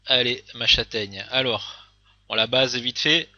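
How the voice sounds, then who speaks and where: A man's voice: medium pitch, a little slow, pushed and bright, no echo, lo-fi sound. A man casually commenting on game replays, hesitant, with many fillers and restarts.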